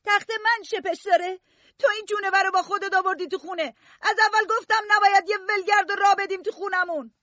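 A man doing a shrill, hateful foster mother. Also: steady tone, bright, forceful tone, no echo, lo-fi sound. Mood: furious. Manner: screaming and scolding. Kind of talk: audiobook character voice.

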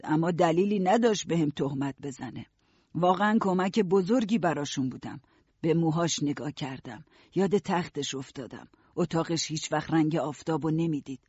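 A man narrating an audiobook in a steady first-person storytelling voice. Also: fairly high pitch, husky, dry recording, muffled recording.

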